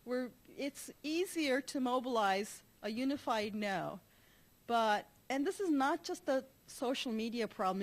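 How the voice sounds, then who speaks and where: A woman from Turkey giving a conference talk, telling stories in an animated way with frequent laughs and restarts. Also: fairly high pitch. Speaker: conference speaker.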